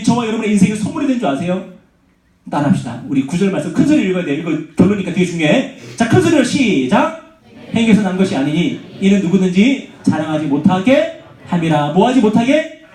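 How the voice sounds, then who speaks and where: A man preaching to high school students, animated, asking questions and having the room repeat after him. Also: distant mic. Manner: animated, asks the audience questions and has them repeat. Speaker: youth pastor. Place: church sanctuary. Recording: echoey church hall.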